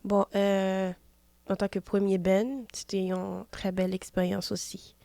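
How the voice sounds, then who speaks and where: In a casual interview, a twenty-something Haitian singer responds hesitantly with many fillers, her Haitian French accent clear. Her mid-range voice is monotone, unhurried and mellow, with some vocal fry, and there's no echo.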